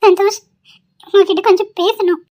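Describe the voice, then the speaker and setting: A frightened young college girl in a cartoon pleads and accuses through tears, voiced by a woman. Her voice sits very high. The sound is dry and close. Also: fairly even intonation, normal speed, darkish tone, no room sound. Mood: frightened, pleading. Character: tearful young female college student, frightened and reproachful. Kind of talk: cartoon voice acting.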